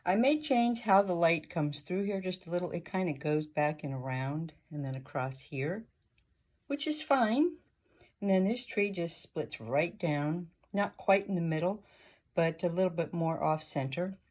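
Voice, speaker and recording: A woman talking through her oil painting as she works, thinking aloud in a casual, unhurried way. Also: fairly low pitch, animated, a little mellow. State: hiccuping. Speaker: painting instructor. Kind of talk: casual painting tutorial narration.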